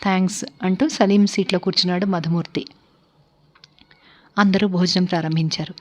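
A woman narrating a suspense novel as an audiobook, reading in a steady, even way. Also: lowish voice, normal speed. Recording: dull lo-fi recording.

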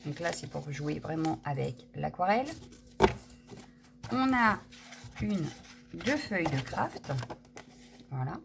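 Chatty woman, gravelly voice, noisy room. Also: low-pitched, expressive, slow, long pauses. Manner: chatty, hesitant with many fillers. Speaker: craft vlogger. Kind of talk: casual product haul.

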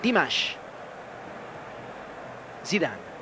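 Higher-pitched male football commentator over loud noise. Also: huge pitch swings, drawn-out words. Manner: terse, clipped phrasing, naming players as they touch the ball. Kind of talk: live TV football play-by-play commentary in short phrases. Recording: loud outdoor stadium noise, old broadcast. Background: outdoor stadium ambience.

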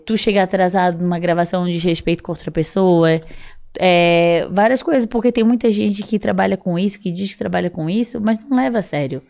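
A woman's voice: mid-range voice, a little mellow. A young woman chatting frankly and rambling on a podcast, with lots of fillers. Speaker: guest. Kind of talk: casual podcast chat.

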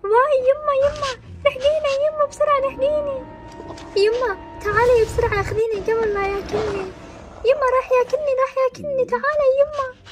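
A woman's voice: very high-pitched, fairly even intonation, quick pace, over loud music. A woman voicing a frightened young daughter in a family drama, pleading in panic. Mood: terrified.

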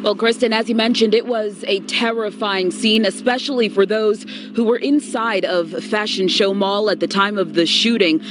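A woman field reporter giving a steady, scripted news report outdoors at night. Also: mid-range voice, moderate pace, background noise.

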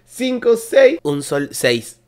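Animated Argentine baritone vocal coach. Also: male voice, takes it slowly. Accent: Argentine Spanish. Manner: animated and excitable, explaining in a chatty way to viewers. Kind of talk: casual reaction and vocal analysis.

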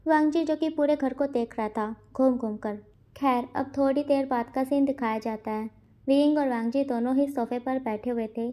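High-voiced woman narrating a story. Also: steady tone, normal speed, warm tone. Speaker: fanfiction narrator.

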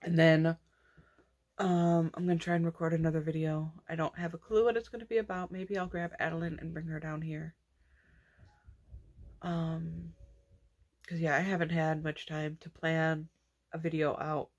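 A woman's voice: low voice, level tone, moderate pace, long pauses, a little mellow. A young woman casually chatting about her crochet projects and family, rambling with frequent restarts. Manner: rambling, restarts often, yawning. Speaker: crochet vlogger. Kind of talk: casual chat.

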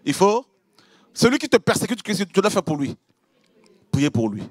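Man preaching, animated and theatrical, high and lively voice. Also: moderate pace, no room sound, clean studio sound. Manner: animated, acts out prayers and dialogues with God; swings between loud exclamations and hushed low asides. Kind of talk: sermon.

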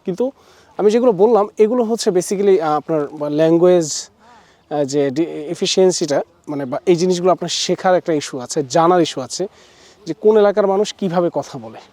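A man's voice: high voice, fairly quick, dark tone. A man from Bangladesh giving a casual walking-tour vlog outdoors at a forest resort, chatty and mixing in English words while often correcting himself. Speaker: travel vlogger.

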